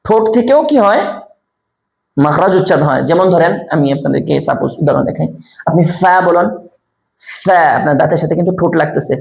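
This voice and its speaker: A man teaching a step-by-step lesson, repeating key answers slowly, asking quiz questions aloud and demonstrating sounds himself. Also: fairly high pitch, expressive, creaky, darkish tone, reverberant. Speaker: Quran recitation teacher.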